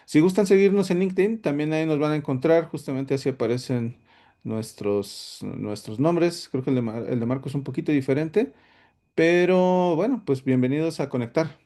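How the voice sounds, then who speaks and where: Speaking at a normal pace in a slightly high, mellow voice, a man runs an online tech workshop as a webinar. He's a solutions architect who hesitates often, using many fillers and restarting sentences.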